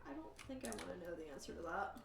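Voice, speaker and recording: A woman with a lowish voice and some vocal fry talks quickly and expressively while livestreaming a game for charity, thinking aloud and chatting with viewers in a dry, wry way. She sits away from the mic in a roomy, echoing space, with loud music and faint background noise behind her.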